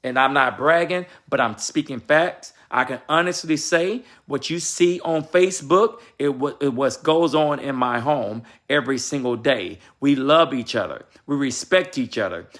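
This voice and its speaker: A man's voice: mid-range voice, moderate pace, hardly any pauses, a bit bright. A man giving marriage advice in a vlog, talking in an emphatic, repetitive, sermon-like way and addressing his viewers directly. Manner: addresses viewers and asks his wife for confirmation. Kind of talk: preachy casual talk.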